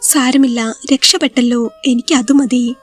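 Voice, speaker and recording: Woman reading the part of a hurt young husband, soft and reassuring, high light voice, bit of music under it. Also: steady tone, measured pace. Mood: consoling. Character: young injured husband, gentle and consoling.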